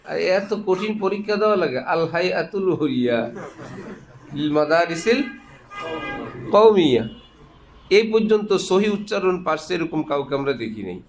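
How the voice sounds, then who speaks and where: A man's voice: a little high, lively intonation, measured pace, pauses often, background noise. Man preaching with jokes. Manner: conversational, jokes and laughs while teaching. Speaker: Islamic preacher. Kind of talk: sermon with humorous anecdotes.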